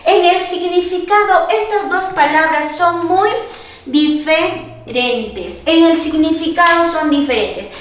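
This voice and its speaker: A woman teaching a class with a high voice, speaking slowly and deliberately. She asks the class questions, answers them herself and repeats each key point. The sound comes from far off in a strongly echoing room. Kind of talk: classroom grammar lesson. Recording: very echoey room, voice far from the mic.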